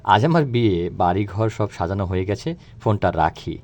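A man's voice: low-pitched, expressive, normal speed, a little mellow. A man voicing a young woman who gives short, teasing replies in a recited phone drama. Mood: resigned.

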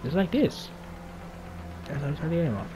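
A man's voice: fairly high pitch, sing-song, normal speed, noisy background. A man giving casual, joking gameplay commentary, swearing a lot and laughing as he plays. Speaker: gamer.

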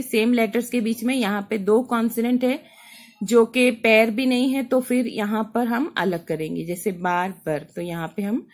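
Woman teacher, phonics lesson, spells out letters, checks in with listeners. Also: mid-range voice. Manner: spells words out letter by letter, asks "ठीक है?"; mixes English terms into Hindi.

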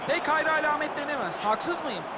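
A man giving measured, explanatory analysis as the second commentator at a football match. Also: very high-pitched, animated, a loud crowd. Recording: commentary over loud stadium noise.

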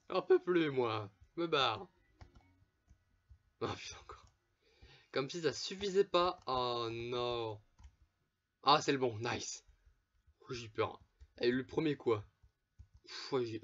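A man's voice: mid-range voice, a bit bright, lo-fi sound. Casual young-sounding man commenting a game. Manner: swears often, laughs, chatty asides to viewers. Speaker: gameplay commentator. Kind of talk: casual let's play commentary.

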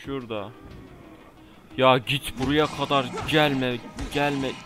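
A man's voice: mid-range voice, fairly even intonation, takes it slowly, a bit bright. A young man giving casual let's play commentary, exasperated and exclaiming, talking back at enemies on screen. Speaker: gamer. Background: faint game music.

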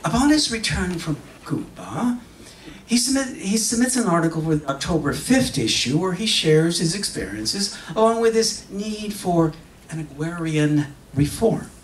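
Speaking into a microphone on a stand at a stage podium, a high-pitched middle-aged man performs a scripted dramatic monologue. He alternates between English and Spanish, with an emphatic, expressive style and purposeful pauses. The hall is echoey, and the recording, made from far away, carries faint noise.

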